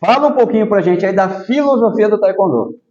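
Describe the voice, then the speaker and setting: A man's voice: sits high, lively intonation, fairly quick, darkish tone. A Brazilian man hosting a casual interview, friendly and prompting his guest with frequent tag questions. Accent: Brazilian Portuguese. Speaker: interview host. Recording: slightly dull lo-fi audio.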